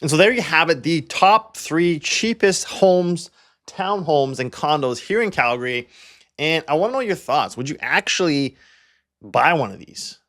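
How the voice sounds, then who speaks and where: A slightly high voice, pushed and bright, delivered expressively at a moderate pace. The speaker is a young man from Canada, a real estate agent and video host walking viewers through a property in a loose, chatty way heavy on "like."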